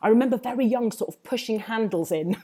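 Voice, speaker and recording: A woman's voice: a little high, fast, dark tone. A woman with a southern English Home Counties accent talks reflectively in conversation, circling back over her phrases as she goes. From Hertfordshire, England. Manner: discursive, circling back with repeated hedging phrases. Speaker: food writer, interview guest.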